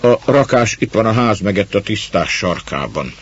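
A man voicing a lonely young peasant girl who answers in short, quiet replies. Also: lowish voice, expressive, breathy edge, highs cut off.

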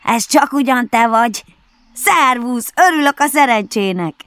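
A woman voicing a fussy, cautious male rabbit who talks in a shrill, clipped, prim way, for a storybook reading. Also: expressive, fairly bright tone, clear, resonant tone, no echo. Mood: prim polite.

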